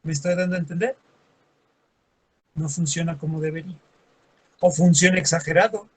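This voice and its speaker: Man, high voice, teacher, lecture, sarcastic asides. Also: fairly even intonation, normal speed, slightly rough. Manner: acts out everyday scenes in quoted voices. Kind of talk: classroom lecture.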